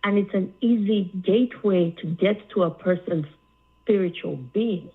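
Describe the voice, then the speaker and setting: A woman from Zambia calling in to a talk show, speaking earnestly with many pauses and fillers. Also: medium pitch, slightly rough. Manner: slow, earnest, halting with fillers. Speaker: caller. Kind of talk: call-in talk. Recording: phone line.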